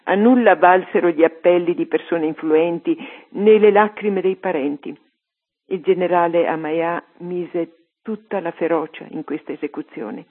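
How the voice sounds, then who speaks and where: A woman reading a story aloud on religious radio in a steady storytelling manner. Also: lowish voice, unhurried, husky. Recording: tinny phone-like radio line.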